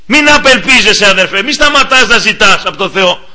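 A man's voice: high-pitched, expressive, pushed and bright. A man preaching a sermon, earnestly exhorting and speaking straight to each listener.

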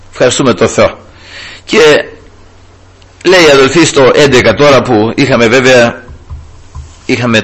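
A man's voice: medium pitch, fairly bright tone, slightly rough. A man preaching an evangelical sermon, fervently repeating "brothers" and "glory to the Lord" as he tells a personal story.

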